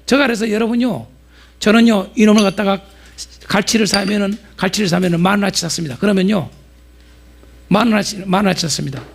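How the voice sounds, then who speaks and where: A middle-aged man preaching a lively sermon-lecture in a church, animated and jumping between quiet asides and loud acted-out outbursts. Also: high-pitched, quick pace, gravelly, a little hiss or hum. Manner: animated, acts out market sellers with sudden loud outbursts. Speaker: pastor and Bible lecturer.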